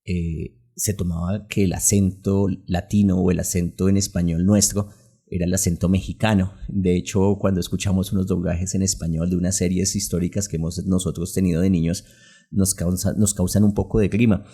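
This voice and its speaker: A man with a Colombian accent hosting an interview podcast, setting up measured questions to his guest. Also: sits low, flat delivery, dark tone, slightly rough. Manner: measured, asks framed questions.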